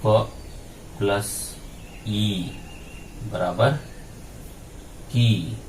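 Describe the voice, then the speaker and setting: A male teacher giving a grammar lesson, spelling out sounds one at a time in a slow, deliberate way. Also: lowish voice, darkish tone, a little hiss or hum, low-quality recording. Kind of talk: grammar lesson explaining on a board.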